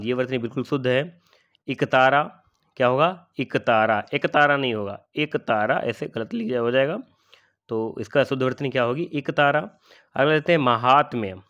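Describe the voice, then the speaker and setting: A man's voice: mid-range voice, a bit bright, clean tone, muffled recording. Male tutor, middle-aged, patient and repetitive, asks himself questions while teaching exam spelling. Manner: explains patiently, repeats words and asks rhetorical questions. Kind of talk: spelling lesson for exam aspirants.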